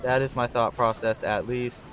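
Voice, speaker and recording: A gaming channel host, young and slightly hoarse, commentates live on a strategy game, reasoning aloud and getting excited at big plays. His mid-range voice moves at normal speed over soft background music.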